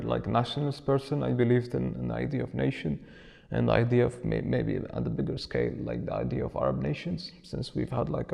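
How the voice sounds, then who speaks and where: In a reflective documentary interview, a student in his early twenties who grew up in Syria speaks thoughtfully and searches for his words. His medium-pitched voice is creaky with a dark tone. The room is reverberant, with faint music in the background.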